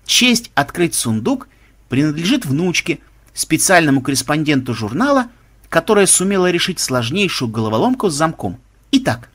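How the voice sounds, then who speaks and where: A man's voice: fairly high pitch, big pitch swings, moderate pace, a bit bright, pitched above the performer's own voice. A man voicing a self-assured male programmer in an audiobook, authoritative and musing. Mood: announcing.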